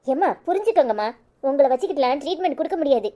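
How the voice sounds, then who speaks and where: A woman voicing a firm female doctor giving brisk instructions in a cartoon. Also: sits high, expressive, warm tone, voice pushed down. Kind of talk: cartoon voice acting.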